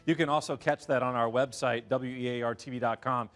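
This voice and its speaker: A man with an American accent presenting a live broadcast weather forecast in a measured, informative way. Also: mid-range voice, steady tone, a bit bright.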